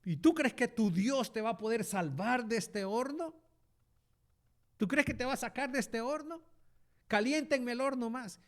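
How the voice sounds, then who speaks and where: Man retelling as a domineering ancient king, loud decrees, bossy and proud, high voice. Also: a little slow. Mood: taunting. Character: proud angry ancient king demanding worship.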